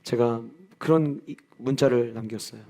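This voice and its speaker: A man's voice: mid-range voice, normal speed, mellow. A male pastor preaching in a church, earnest and personal. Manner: earnest, personal, with acted-out quotes. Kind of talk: sermon. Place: church sanctuary.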